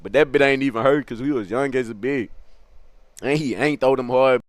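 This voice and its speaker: A young man telling a funny story in a casual, animated, slangy way, acting out other people's lines in a high voice. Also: normal speed, no echo. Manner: animated slangy street storytelling, laughing, acts out quotes in a high voice.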